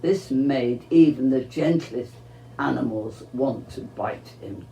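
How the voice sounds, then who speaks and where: Slow, dark-toned storyteller in a roomy space. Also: mid-range voice, a little hiss or hum. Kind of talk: scripted storybook narration. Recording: roomy, echoing sound.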